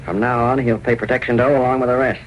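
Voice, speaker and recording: A man's voice: medium pitch, flat delivery, quick pace, slight background noise, lightly acted, low-quality recording. A man playing a smug, tough racketeer boss with slangy talk in a 1930s radio drama, on an old recording.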